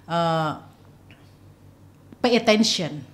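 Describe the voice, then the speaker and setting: A woman speaking coach explaining in a casual interview, relaxed and laughing, answering with teasing questions back. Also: on the low side, drawn-out words.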